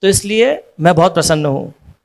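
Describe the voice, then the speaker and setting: A man's voice: sits high, animated, moderate pace, gravelly, pitched below the performer's own voice. A man voicing a meek, grateful devotee. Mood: humble, grateful. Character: humble male devotee, grateful for correction.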